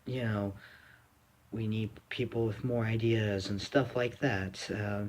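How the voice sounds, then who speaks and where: A man's voice: fairly low pitch, steady tone, slow pace. A young man from the United States giving a rambling, blunt opinion monologue, full of fillers and restarts. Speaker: vlogger.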